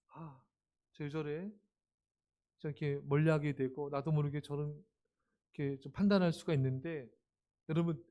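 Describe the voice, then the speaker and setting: A middle-aged man preaching a sermon as pastor, moving from soft, gentle lines to loud, emphatic ones and acting out the voices in his quotes. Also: a little high.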